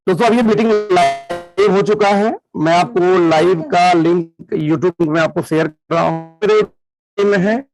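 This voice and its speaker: A man's voice: high-pitched, a little slow, darkish tone, faint music behind, rough recording. A man presenting a business plan in a live online meeting, upbeat, mixing English phrases into his Hindi. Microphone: computer mic in a video call.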